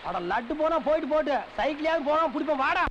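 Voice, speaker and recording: A shrill, sarcastic scolding uncle. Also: male voice, fairly bright tone, lo-fi sound. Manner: sarcastic, quick insults. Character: sharp-tongued scolding middle-aged uncle. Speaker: film comedian. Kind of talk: film comedy dialogue.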